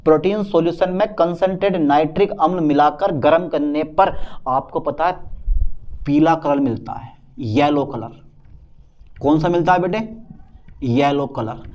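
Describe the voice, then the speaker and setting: A man with a high-pitched voice teaches chemistry in a relaxed, conversational way. He answers his own imagined student questions and keeps the lesson moving. The recording sounds a little muffled and lo-fi. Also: measured pace. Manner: lively, plays both teacher and student in a back-and-forth. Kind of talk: casual Hindi classroom lecture.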